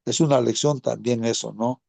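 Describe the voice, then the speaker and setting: A man's voice: medium pitch, fairly even intonation, moderate pace, gravelly, mellow, no echo. A man giving an informal Sabbath School Bible lesson, speaking conversationally, often calling listeners brothers and asking tag questions.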